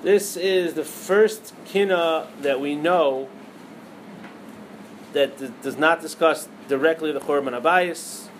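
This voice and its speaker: A man with a high-pitched voice teaches a Torah lesson, weaving Hebrew terms into plain English. He tells a parable and keeps asking his listeners questions. A faint hum sits under the recording. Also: low-quality recording. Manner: storytelling with rhetorical questions, many Hebrew terms. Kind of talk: teaching a lesson on liturgical poems.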